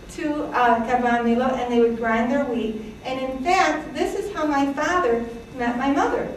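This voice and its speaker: A high-voiced woman from Greece, in her sixties, presents her family's immigrant history to a crowd in a chatty manner full of fillers and little laughs. Slight background noise is present, and she is picked up from a distance in an echoey hall.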